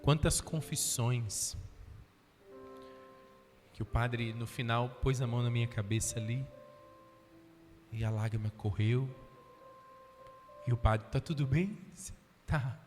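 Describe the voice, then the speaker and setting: A man's voice: medium pitch, little pitch movement, takes it slowly, pauses often. A male priest, preaching a sermon at a healing retreat, telling stories and asking the crowd questions. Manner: storytelling, acts out voices, asks the crowd questions. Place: auditorium. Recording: reverberant auditorium, faint music behind.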